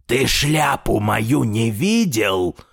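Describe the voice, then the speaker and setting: A man's voice: high voice, takes it slowly, vocal fry, voice pushed up, heavily acted. Man voicing a flustered old grandpa, fretting, kids' story voice. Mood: fretful. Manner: plain, fretful, tries to stay calm. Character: flustered old grandfather searching for his hat.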